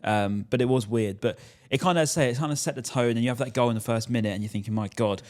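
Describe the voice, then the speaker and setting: A man's voice: medium pitch, fast, a little mellow. A man hosting a casual football chat, talking in long rambling stretches full of restarts. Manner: chatty, rambling, lots of restarts and "you know". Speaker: podcast host.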